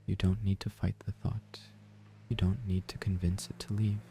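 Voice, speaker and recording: Soft, low-pitched man guiding sleep meditation. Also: little pitch movement, moderate pace, creaky, slight background noise. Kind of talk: slow, soft-spoken guided sleep meditation. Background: ocean waves and gentle music.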